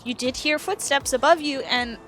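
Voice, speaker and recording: A woman's voice: sits high, moderate pace, fairly bright tone, soft background music. A woman running a tabletop role-playing game as game master, casual and laid-back, swearing freely and saying "like" a lot. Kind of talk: narrating a tabletop game over a call.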